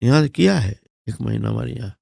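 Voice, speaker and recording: A man's voice: mid-range voice, expressive, fairly quick, creaky, a little mellow, husky, no echo, studio quality. A man with a Bengali accent giving a devotional discourse, telling a story and chanting Sanskrit verses. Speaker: devotional speaker.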